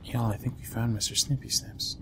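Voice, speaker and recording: A young adult man commentating a horror game, dropping to whispers and breaking into loud panicked yelps. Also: mid-range voice, steady tone, brisk, background noise. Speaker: gamer. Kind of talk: let's play commentary.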